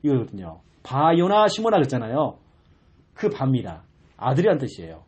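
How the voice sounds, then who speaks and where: A man's voice: medium pitch, fairly quick, husky. A male pastor in his forties preaching a sermon in a church, telling the story vividly and acting out cries. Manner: animated preaching with acted-out shouts.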